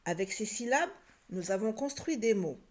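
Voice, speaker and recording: A woman teaching a reading lesson to children, slow and patient, repeating each point and sounding out letters and syllables. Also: mid-range voice, expressive, a little mellow.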